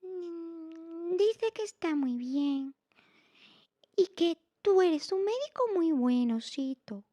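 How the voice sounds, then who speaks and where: A woman voicing a sweet little girl in a children's storybook, speaking in a high, gentle, childlike way. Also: expressive, takes it slowly, no echo, full character voice.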